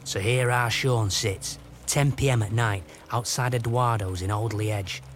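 A man giving dry, deadpan scripted narration for a sitcom. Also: mid-range voice, moderate pace, slight background noise.

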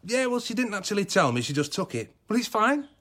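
An actor playing a smarmy, breezy boss in a radio sitcom, glib and chummy. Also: male voice, high-pitched, big pitch swings, brisk, fairly bright tone, full character voice. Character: smarmy, breezy young male boss who discards his friends.

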